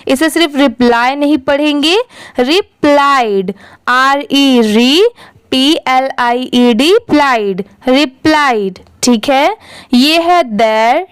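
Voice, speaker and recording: Woman teacher, high voice, slow deliberate pace, spells letter by letter, asks the viewer questions. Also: clean tone, no room sound. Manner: spells words letter by letter, then blends them. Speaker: English reading teacher.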